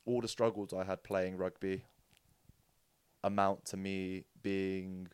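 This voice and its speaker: A young Englishman talks through his rugby years as a podcast guest, lively and joking. His voice sits a little low. It is recorded dry and close, with no room sound. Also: takes it slowly, clear, resonant tone, no echo. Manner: animated storyteller, acts out quotes with jokes and laughs. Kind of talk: casual storytelling chat.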